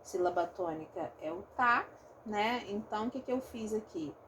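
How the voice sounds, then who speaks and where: Her voice is mid-range, fairly bright and expressive, delivered at a moderate pace with slight background noise. She's a phonetics teacher with a Rio de Janeiro accent, explaining an online lesson, recorded, step by step while regularly checking in with students.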